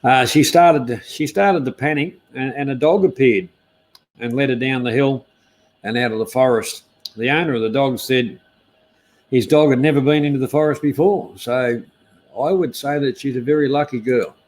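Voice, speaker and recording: A man's voice: mid-range voice, moderate pace. An Australian man hosting a casual live stream news chat, speaking in a laconic, hesitant, easygoing outback drawl.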